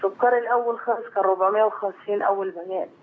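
Rapid Egyptian woman caller on phone. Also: medium pitch, steady tone, slight background noise. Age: 40s. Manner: rambling, repeats herself, worried. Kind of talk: call-in phone conversation. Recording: tinny phone line.

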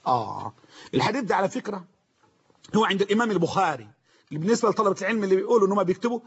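A man with an Egyptian Arabic accent preaching a sermon, emphatic, repeating phrases and slowly drawing out quoted sayings. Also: high voice, big pitch swings, slightly rough. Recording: muffled lo-fi recording.

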